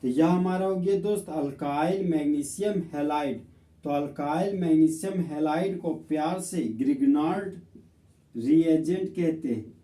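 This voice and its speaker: A man teaching a chemistry lesson, explaining step by step in a slow, friendly way and often addressing students as friends. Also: on the high side, warm tone. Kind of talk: classroom lesson. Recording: echoey room, voice from far off.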